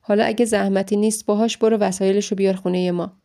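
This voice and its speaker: A woman's voice: medium pitch, fairly even intonation, creaky, warm tone, lightly acted. A woman voicing a caring adult man who speaks earnestly and reassuringly, in an audiobook story.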